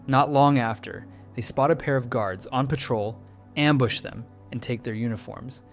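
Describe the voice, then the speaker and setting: A man narrates a scripted video essay in a measured, analytical way, often pausing on a question before answering it. His voice sits at an ordinary middle pitch. Faint music plays beneath him. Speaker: channel host breaking down a trailer.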